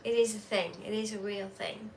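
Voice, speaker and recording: A woman's voice: medium pitch, steady tone, brisk, a little mellow. A woman co-hosting a live stream, chatting casually and speaking her mind. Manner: frank, opinionated. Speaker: co-host.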